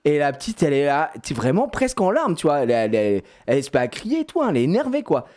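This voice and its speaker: A man streamer telling a family story in a casual, animated, slangy way. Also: on the high side, quick pace.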